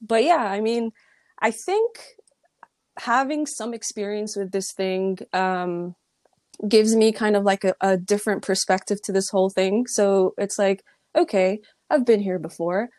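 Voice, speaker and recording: A young woman from the Middle East or North Africa talks through her days in a loose, reflective way, full of ums and likes. Her voice sits at an ordinary pitch and sounds close and dry, with no room around it. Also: a little slow, a little mellow, no echo. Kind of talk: casual chat.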